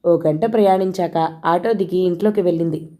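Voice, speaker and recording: Mellow-voiced woman reading a novel aloud. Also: fairly low pitch, moderate pace. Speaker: audiobook narrator. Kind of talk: novel read aloud, voicing each character.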